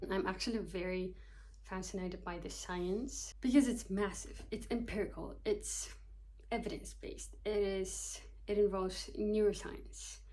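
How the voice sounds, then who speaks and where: Unhurried and mellow, her mid-range voice holds fairly even intonation, though the audio is poor. She's a psychology student from Kyrgyzstan in her twenties, vlogging casually to camera, teasing herself and loosely reading notes.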